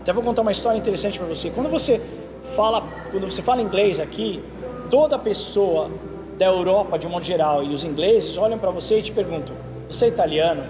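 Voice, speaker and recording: His voice sits high and he's a fast talker, heard over music. The Brazilian racing driver and instructor tells stories casually in an interview, animated throughout and peppering his talk with "entendeu?"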